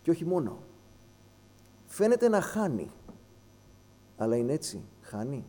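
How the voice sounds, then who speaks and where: A man preaching a sermon, switching between hushed low phrases and raised emphatic ones. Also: sing-song. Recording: long hall reverb with mains hum.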